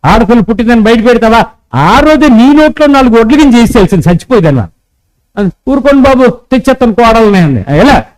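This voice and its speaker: A man preaching a sermon as pastor, urging the congregation to repeat his words to each other and acting out quoted conversations. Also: poor audio. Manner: preaching with call-and-response prompts to the congregation; acts out quoted dialogue in a lowered voice.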